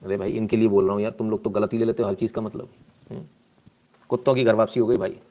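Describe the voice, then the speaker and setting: A man's voice: on the low side, steady tone, quick pace, dark tone. A man doing casual live-stream news commentary, sarcastic and scolding, reading out viewer comments and thanking them.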